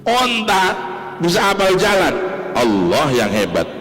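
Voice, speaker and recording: A man with a Javanese accent giving a morning sermon in a large mosque, talking in an animated way, repeating key words and addressing the listeners directly. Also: sits high, a little slow. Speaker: preacher. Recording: echoey mosque hall with long reverb.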